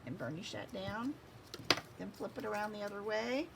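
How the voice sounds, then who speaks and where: A woman's voice: mid-range voice, lively intonation, normal speed, vocal fry, very noisy. A woman hosting a craft tutorial, giving step-by-step instructions while she works with her hands.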